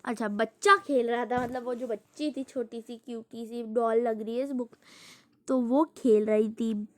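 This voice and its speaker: A woman's voice: on the high side, steady tone, moderate pace. A woman reading a picture book aloud in a casual, chatty way, stopping to explain words at length and laughing along with the story.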